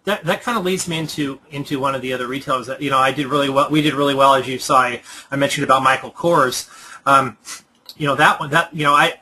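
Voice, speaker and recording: A man from Southern California hosting a casual online chat, talking in halting bursts full of fillers and restarts. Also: medium pitch, fairly even intonation, sharp tone, slight background noise, low-quality recording. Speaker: host. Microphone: computer microphone on a web call.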